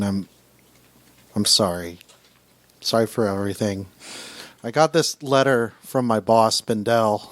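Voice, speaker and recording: A man's voice: mid-range voice, dry recording, voice pushed down. A man doing a sighing, freshly fired man. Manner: halting, sighing apology. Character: dejected man just fired by his boss. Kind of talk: tabletop role-play.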